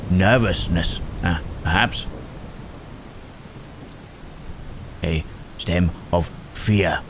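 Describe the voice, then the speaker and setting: A man performs a brooding, protective monster for ASMR, his very low voice slow and halting, his phrasing gentle, thoughtful and old-fashioned in its formality. The mood is pensive and gentle, set against clear rain and thunder in a noisy background.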